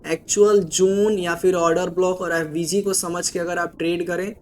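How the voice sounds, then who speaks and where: A man's voice: high-pitched, flat delivery, moderate pace, a little hiss or hum. A man hosting a casual stock market chart walkthrough, patiently explaining and checking in with his listener. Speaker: market analysis host.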